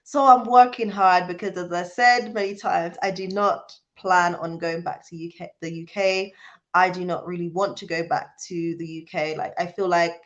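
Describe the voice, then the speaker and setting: In a muffled recording, a British woman born in Jamaica and raised in the UK hosts a casual livestream, chatting with viewers and reading out their comments. Her voice is lowish, her intonation fairly even, and her pace moderate, and she speaks in an earnest, emphatic way.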